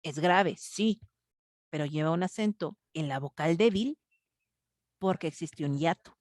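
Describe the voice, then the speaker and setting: A woman teacher with a Mexican Spanish accent walks her class through grammar points, pausing on fillers and checking in with questions. Her voice is recorded dry and close, with little room sound. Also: low voice, a little mellow, no echo. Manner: patient, asks students questions, thinks aloud with fillers. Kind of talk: online class explaining grammar.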